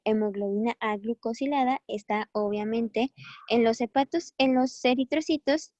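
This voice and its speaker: A woman gives a recorded lesson, her voice sitting on the higher side. She talks in a chatty, encouraging way and often stops to correct herself. The sound is dry and a little dull. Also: darkish tone, dry recording. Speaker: biochemistry teacher. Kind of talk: recorded online class.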